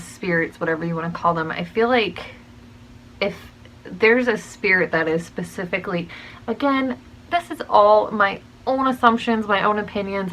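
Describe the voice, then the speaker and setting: A young woman talking casually to her channel's viewers, musing out loud with many pauses and restarts. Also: fairly low pitch, slight background noise, poor audio. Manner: musing, hesitant, frequent ums and restarts. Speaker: channel host. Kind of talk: casual talk to camera.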